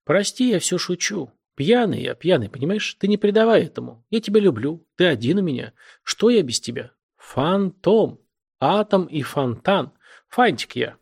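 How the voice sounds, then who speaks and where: A man reading a novel aloud, voicing a drunk man who is fawning and sly, in a raised husky voice. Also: fairly high pitch, sing-song, normal speed, voice pushed up, exaggerated voice. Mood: drunk pleading.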